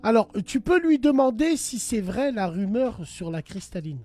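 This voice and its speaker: A man's voice: very high voice, sing-song, moderate pace, mellow. A man hosting a casual live show, bantering and teasing in French suburban street slang with a matching accent. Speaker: host of a live radio-style stream.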